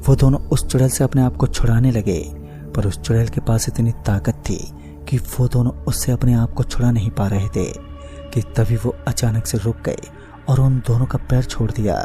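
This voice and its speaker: A man's voice: medium pitch, fairly even intonation, normal speed. A man narrating a scripted horror story as a storyteller. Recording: faint music bed under the voice. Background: faint background music.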